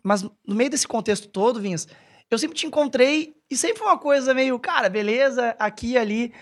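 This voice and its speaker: A man's voice: very high voice, moderate pace. Guy in his 30s from the south, podcast guest chatting casually, rambles and keeps restarting his thoughts. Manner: rambling, hesitant, self-correcting. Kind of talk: casual chat.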